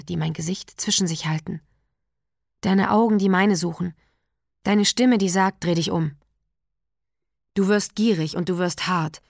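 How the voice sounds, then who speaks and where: A woman narrating a literary text in a quiet, measured, intimate way. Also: medium pitch, creaky, dry recording, studio quality. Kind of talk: literary reading.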